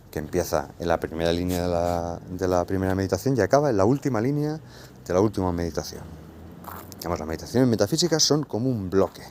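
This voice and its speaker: A man's voice: deep voice, mellow, a little hiss or hum. A man from Spain teaching a philosophy class to secondary students, explaining step by step with frequent fillers, restarts and check-ins. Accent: Spain Spanish. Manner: hesitant, many fillers and restarts; explains patiently, checks in with "¿vale?". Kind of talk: recorded class lecture.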